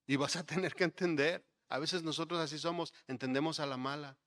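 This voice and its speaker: A male pastor preaching a sermon, building to emphatic points and dropping to soft, low asides. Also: fairly even intonation, fairly quick. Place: church sanctuary.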